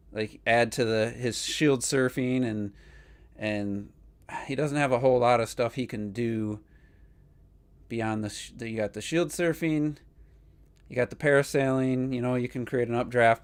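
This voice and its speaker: Smooth-voiced man rambling on a podcast. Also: medium pitch. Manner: rambling, opinionated, many fillers. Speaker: podcast co-host. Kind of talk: casual gaming podcast chat.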